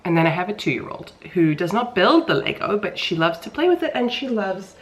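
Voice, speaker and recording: Rambling through a home vlog, a thirtysomething mom of young kids jokes at her own expense in a stuffy, pinched-nose voice. She's very animated and a little fast, with a mid-range pitch. The audio is poor.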